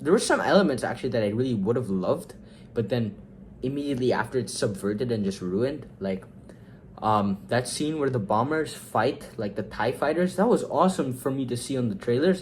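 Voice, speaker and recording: Young guy rambling about movies, lots of likes and ums, jumps up when hyped, bit of faint hiss. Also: mid-range voice. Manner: rambling, fillers and quoted reactions, swings up when excited. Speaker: movie ranking vlogger. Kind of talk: casual film review.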